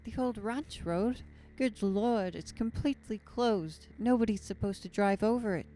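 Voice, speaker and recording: A woman's voice: mid-range voice, a little slow, warm tone, soft background music, natural voice. An actress playing a worried, confused wife and mother in a horror audio drama, questioning and uneasy.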